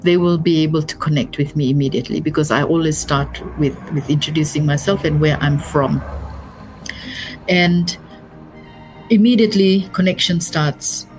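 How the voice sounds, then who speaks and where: Fijian woman being interviewed, pretty low voice, earnest, keeps restarting her words, quiet music behind. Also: moderate pace. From Fiji. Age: middle-aged. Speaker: business advisor, guest. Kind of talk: interview conversation.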